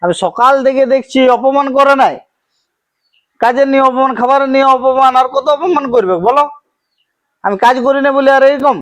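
A man's voice: very high voice, fairly quick, fairly bright tone. A man playing an insulted young son-in-law. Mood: aggrieved. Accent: Manbhum Bengali. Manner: aggrieved, insistent. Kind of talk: amateur village comedy drama.

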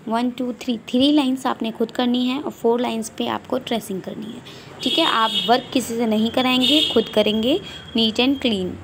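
A woman teaching a nursery class online, slowly drilling letters one by one for small children and mixing English with Hindi-Urdu. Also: a little high, fairly even intonation, noisy background.

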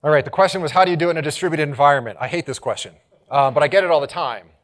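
Man giving an animated conference talk. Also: fairly high pitch, rapid-fire. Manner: energetic, engaging, leads audience exercises; animated, gets louder when rallying the room. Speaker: conference speaker.

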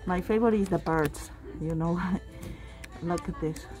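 Speaking into a handheld phone camera in a big indoor craft store aisle, a woman vlogs her shopping trip with music playing behind her. Her voice sits fairly low and she takes her time, chatting in non-native English and breaking into frequent delighted exclamations.

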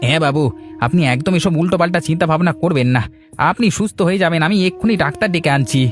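A man's voice: a little high, racing, over music, close to an everyday voice. A man voicing a hot-headed, loyal village fellow in a cartoon, speaking in an emphatic, dramatic way. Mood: worried. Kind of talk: Bengali cartoon voice acting.

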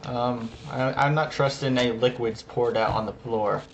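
A man's voice: medium pitch, fairly even intonation, normal speed, vocal fry, dull audio, background noise. A man doing casual let's play commentary, jokily complaining and talking back to the game.

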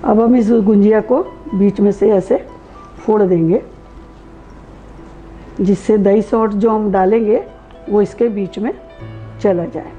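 A middle-aged woman hosting a cooking show, calmly explaining each step of a recipe in detail. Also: medium pitch, slow, pauses often, muffled recording, faint music behind.

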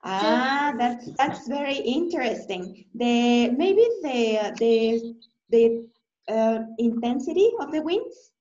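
High-pitched Mexican woman teaching, slow and echoey. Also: expressive, darkish tone. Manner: simple phrasing with repeated check questions. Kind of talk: online English reading lesson. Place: indoor room, on a video call. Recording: muffled, echoey online class audio.

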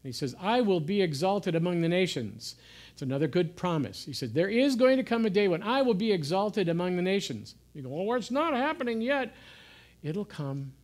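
A man giving an informal sermon in a gentle, conversational way, sometimes dropping to soft, hushed asides. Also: sits high, expressive, brisk. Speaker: pastor. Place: church.

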